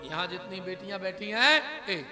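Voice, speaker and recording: A man's voice: high-pitched, big pitch swings, normal speed, reverberant, long reverb tail, over music. A man giving a devotional discourse, telling the story and talking straight to the audience, with bits of rustic dialect. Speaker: kathavachak preacher. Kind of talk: devotional discourse with verse recitation.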